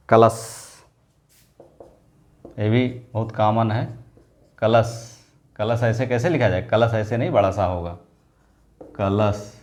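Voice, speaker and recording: Male tutor at a mid pitch, drilling words over and over with quick questions to the class. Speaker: teacher. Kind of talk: exam-prep lesson.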